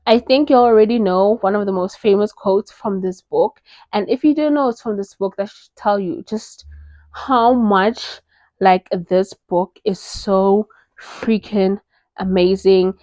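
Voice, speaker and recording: A woman's voice: medium pitch, measured pace, no room sound, muffled recording. Gushing woman reviewing romance books. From South Africa. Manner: gushing, animated, lots of fillers. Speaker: book reviewer. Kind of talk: casual book recommendation vlog.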